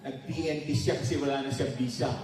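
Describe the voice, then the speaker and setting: Laughing pastor in an echoey hall. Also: male voice, steady tone, brisk, a crowd in the background. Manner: playful storyteller, laughing often, jumping into high voices for characters. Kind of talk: joke-telling during a church anniversary talk. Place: large church hall. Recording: distant mic in a very echoey hall.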